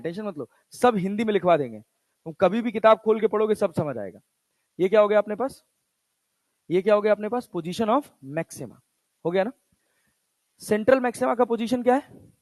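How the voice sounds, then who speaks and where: A man's voice: high-pitched, expressive, a little fast, pauses often, darkish tone, no echo. A male physics teacher giving a lecture, firing questions at his students and answering them himself, in a casual, chatty way. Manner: casual, chatty teacher talk in Hindi with English terms. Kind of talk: classroom lecture.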